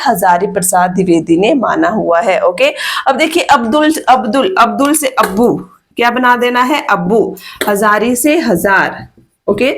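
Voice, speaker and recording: A woman teacher giving an exam-prep lesson, repeating questions to her students and checking in with "okay" after each point. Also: fairly high pitch. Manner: repetitive teacherly questioning, frequent "ठीक है" and "okay".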